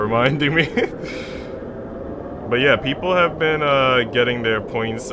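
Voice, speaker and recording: A game streamer hosts a livestream in a fairly low voice, shifting between casual, jokey rambling and reading story narration aloud. There's noise in the background.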